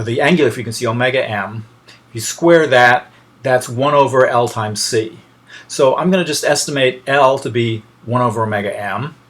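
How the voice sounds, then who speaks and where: A man gives an informal technical lesson in a mid-pitched, somewhat bright voice. Like a lecturer working through the steps aloud, he often breaks off mid-sentence to search for the next word.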